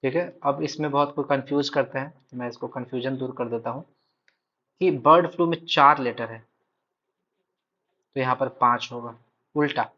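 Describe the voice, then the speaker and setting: A man's voice: medium pitch, fairly even intonation, moderate pace, long pauses, lo-fi sound. A man teaching an exam-prep lecture in Bihar-accented Hindi. He repeats key terms several times and keeps checking in with his listeners. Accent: Hindi speaker from Bihar. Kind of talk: recorded lecture.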